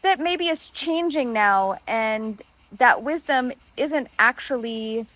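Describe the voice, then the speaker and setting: High-voiced woman guiding a kids' lesson. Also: slow pace, a bit bright, low-quality recording. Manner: patient, asks children simple questions. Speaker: host. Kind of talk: kid-friendly tarot lesson.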